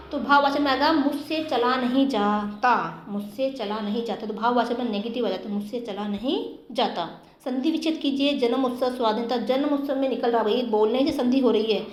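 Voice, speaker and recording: A woman teacher going through exam grammar questions, repeating the answers slowly for students. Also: a little high, reverberant, slight background noise. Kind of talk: exam-prep grammar lesson.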